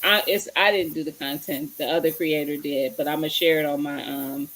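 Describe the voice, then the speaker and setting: A woman's voice: deep voice, steady tone, normal speed, a bit bright, slight background noise. A woman hosts a casual live stream. She chats easily, calling out viewers by name while she searches her kitchen, and sometimes drifts away from the mic. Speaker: livestream host. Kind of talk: casual livestream chat.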